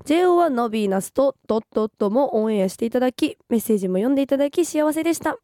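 Young woman, hoarse from a cold, nagoya-tinged accent, fairly high voice, mellow tone, dry studio sound, giggly and polite radio co-host. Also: animated, very fast, no room sound. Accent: Nagoya-tinged Japanese. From Gifu, Japan. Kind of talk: casual radio chat, reading listener messages.

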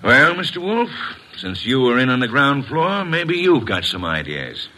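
A man's voice: medium pitch, sing-song, a little slow, pushed and bright, full character voice. A man playing a blunt, sardonic, impatient homicide inspector in an old radio drama. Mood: probing. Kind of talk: 1950s radio detective drama acting.

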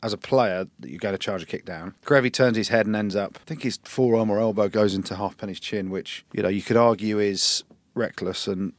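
Male co-host, rapid laughing rugby chat, deep-ish, dry booth sound. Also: dry recording. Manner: animated, laughs often, quick banter. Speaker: podcast co-host.

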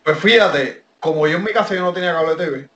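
A man from Puerto Rico with a Puerto Rican Spanish accent, telling his wrestling story as a podcast guest. He talks in an animated way, with many fillers and restarts. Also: fairly high pitch, fast, reverberant, a crowd in the background. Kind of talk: casual interview storytelling.

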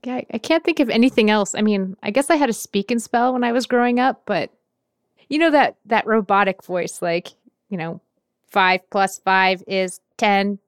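A woman's voice: on the high side, expressive, a little fast, dry recording, studio quality. A woman from Oregon, a listener guest, talking in a chatty, giggly way with many fillers. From Portland, Oregon. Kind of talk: casual interview.

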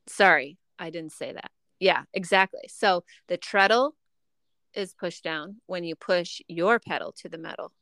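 A woman co-hosting a podcast in casual chat, playful and quick to laugh. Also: fairly low pitch, fairly bright tone, dry recording. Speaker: podcast co-host.

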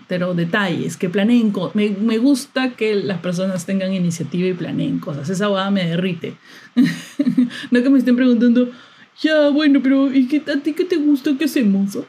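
Young woman, husky voice, chatty and fed-up podcast rant. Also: mid-range voice, a little mellow. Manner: chatty, exasperated, laughs often. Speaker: podcast host. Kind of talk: casual monologue.

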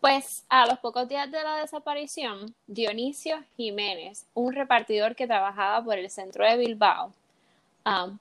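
A woman's voice: fairly high pitch, a bit bright. A young woman casually telling a true-crime case in a chat podcast, slipping English words into her Spanish.

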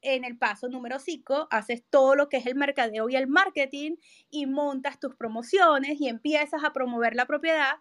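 A woman's voice: high-pitched, normal speed, fairly bright tone. A woman giving an emphatic instructional talk as a trainer, often checking understanding with short tag questions. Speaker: real estate trainer and host. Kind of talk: instructional talk to real estate agents.

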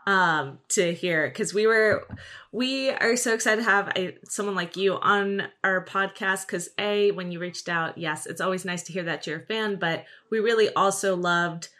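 A woman's voice: mid-range voice, moderate pace, a bit bright. A woman from New Jersey hosting a podcast and chatting casually with a guest, upbeat and full of fillers. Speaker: podcast host. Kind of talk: casual interview chat.

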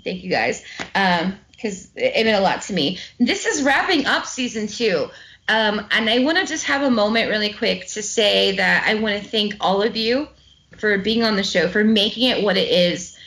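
A woman's voice: mid-range voice, animated, normal speed, a bit bright. Chatty woman hosting a film podcast. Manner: chatty, swears freely, laughs often. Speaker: podcast host. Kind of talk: casual film discussion.

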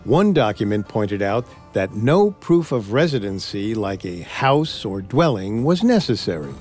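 A man's voice: fairly low pitch, very animated, a little slow, a little mellow. A man co-hosting a history podcast, reading a script and voicing quotes with drama. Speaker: podcast co-host. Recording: faint music bed.

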